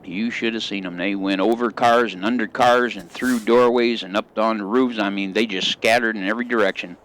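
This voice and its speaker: A man's voice: lowish voice, fairly even intonation, fairly quick, fairly bright tone. A middle-aged man hosting a gaming video, telling old stories in a folksy, rambling drawl with country grammar while driving in the game. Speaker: gaming channel host.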